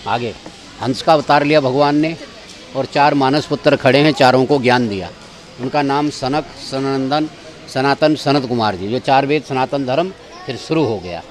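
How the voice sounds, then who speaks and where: Man guiding a tour outdoors. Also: medium pitch. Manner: directive, keeps pointing things out. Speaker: tour guide. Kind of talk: guided tour talk. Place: outdoor temple grounds.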